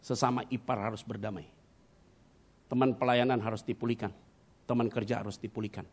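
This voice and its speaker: Delivering a sermon, a middle-aged pastor tells his own stories with dramatic flair, bursting out loudly at times and slipping English words into his speech. He talks fairly quickly, with a medium pitch and a steady tone.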